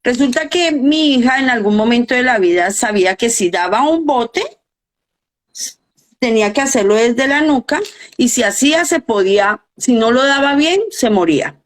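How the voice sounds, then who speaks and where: A woman's voice: fairly high pitch, lively intonation, normal speed. A middle-aged woman, a coach and educator, earnestly explaining her ideas in a live interview and often asking rhetorical questions.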